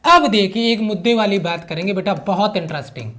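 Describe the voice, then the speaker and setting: High-voiced man teaching physics. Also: fairly quick, sharp tone. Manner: repeats key phrases and keeps checking students understand; mixes English physics terms into explanations. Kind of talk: online classroom lecture.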